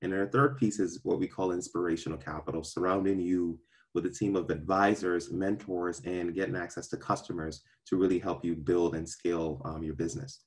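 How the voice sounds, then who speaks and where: A young venture capital partner, born in Ghana and raised in Brooklyn, is a guest answering interview questions over a video call webcam from outdoors in a park. His voice is low with fairly even intonation and a darkish tone, and he comes across as earnest and measured, with lots of ums and restarts.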